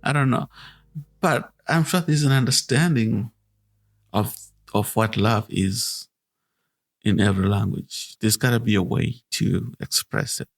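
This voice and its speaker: A man from Zimbabwe hosting a podcast, talking in a slow, earnest and reflective way with restarts. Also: fairly low pitch, gravelly. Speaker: podcast host.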